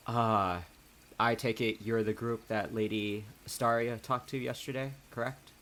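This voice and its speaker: A man's voice: medium pitch, fairly even intonation, unhurried, a bit bright, slight background noise, natural voice. A man voicing a courteous male dragonborn envoy in a tabletop game, speaking with hesitant fillers. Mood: polite.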